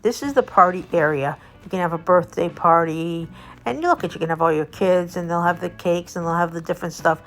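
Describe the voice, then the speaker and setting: A woman's voice: lowish voice, brisk, a bit bright, low-quality recording. A woman narrating a casual vlog tour as host, in a chatty, enthusiastic way. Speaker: video host and local tour guide. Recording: background music under the voice. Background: music.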